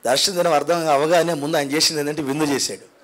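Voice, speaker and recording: High-voiced preacher man, dramatic swings. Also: steady tone, fast. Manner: dramatic storytelling, swings from hushed low asides to loud rising cries; repeats phrases in climbing builds. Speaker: pastor. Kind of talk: Sunday sermon. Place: church prayer hall.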